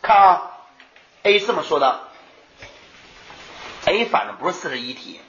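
A man lectures a classroom in a high, swooping voice that keeps rising and falling. He throws questions at his students and answers them himself. The sound is muffled and lo-fi, with room echo around him. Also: a little slow, a little hiss or hum. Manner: animated, asks rhetorical questions and answers them. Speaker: English exam teacher. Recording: echoey lo-fi room recording.

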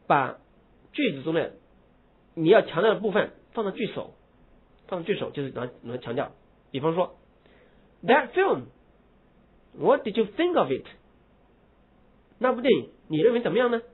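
A man's voice: fairly high pitch, breathy edge. A man teaching English grammar to a class, explaining step by step and stressing key words. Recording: tinny phone-like classroom recording.

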